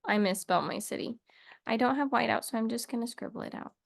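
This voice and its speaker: A woman's voice: on the high side, fast, vocal fry, no room sound, studio quality. A young woman teaching a casual English lesson to camera, chatty and playful, wandering off into little asides.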